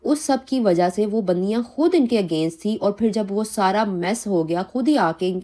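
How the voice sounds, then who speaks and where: A woman with a Pakistani Urdu accent records a reaction vlog about online feuds. Her voice is mellow and dark in tone, at an ordinary pitch for a woman. She talks indignantly and rambles, with many restarts and fillers. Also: expressive. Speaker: reaction vlogger. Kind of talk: heated commentary on online drama.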